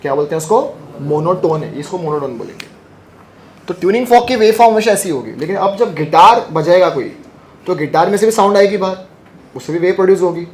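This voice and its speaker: A man's voice: high voice, animated, quick pace, darkish tone, a little hiss or hum. A man teaching a physics class. He keeps asking his students questions, repeats their answers back, and teases them between points. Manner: joking and teasing with students. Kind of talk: classroom lecture.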